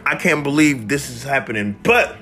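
A man hosting a mock talk-radio show, ranting excitably and repeating himself with lots of "like.". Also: mid-range voice, normal speed, faint music behind. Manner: excitable, repetitive, peppered with "like". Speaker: host of a homemade radio-style show.

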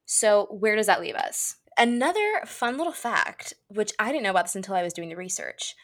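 A woman's voice: mid-range voice, animated, a little fast, a bit bright. A woman in her twenties co-hosting a podcast in casual chat, reading out news with sarcastic asides. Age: 20s. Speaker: podcast co-host.

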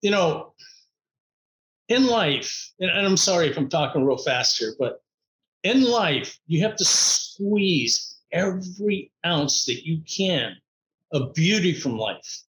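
A man with a fairly high voice tells his story in an upbeat, animated way and laughs often. He speaks as a guest in conversation. The room sounds echoey. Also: takes it slowly. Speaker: podcast guest, motivational speaker.

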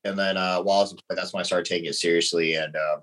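A man's voice: low voice, fairly even intonation, rapid-fire, fairly bright tone, poor audio. A man in his thirties from the United States, a podcast guest talking casually and laughing lightly between answers. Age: 30s. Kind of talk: casual conversation.

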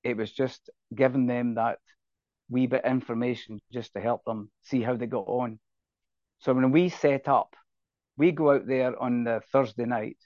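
A man's voice: medium pitch, steady tone, moderate pace, dry recording. An older man with a Scottish accent, chatting casually and anecdotally as a guest in an interview. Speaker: podcast guest, rugby referee. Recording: dull, lo-fi, dry sound.

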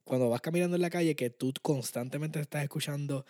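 A man chatting casually on a podcast, low-key and hesitant, with many fillers. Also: fast talker, dark tone, dry recording, clean studio sound. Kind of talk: casual chat.

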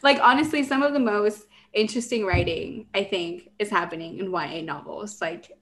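A young woman from Mexico co-hosting a casual podcast chat, enthusiastic and quick to laugh, swearing freely. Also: mid-range voice, fairly bright tone. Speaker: podcast co-host.

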